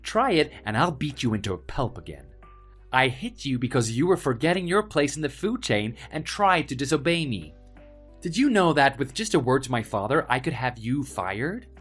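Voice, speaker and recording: A man's voice: medium pitch, very animated, moderate pace, slightly rough, faint music behind. Man acting a pompous, sneering spoiled office bully. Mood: mocking, threatening. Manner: mocking, pompous, loud swings of emphasis. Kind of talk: dramatized story voice acting.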